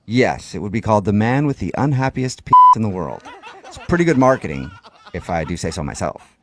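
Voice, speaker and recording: A radio host making a prank phone call while posing as a doctor, talking in a sly, deadpan way and stifling laughs. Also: male voice, fairly low pitch, brisk, heavy background noise.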